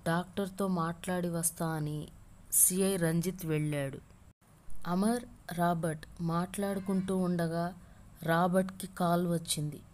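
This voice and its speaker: A woman reading a romantic suspense story aloud in a measured, even way. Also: on the low side.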